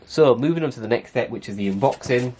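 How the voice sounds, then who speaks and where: A man's voice: medium pitch, fast, noisy background. A man with a nasal, congested voice, chatting casually through a how-to car vlog with lots of "obviously" and "um". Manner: chatty, relaxed, many fillers like "obviously". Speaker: car vlogger.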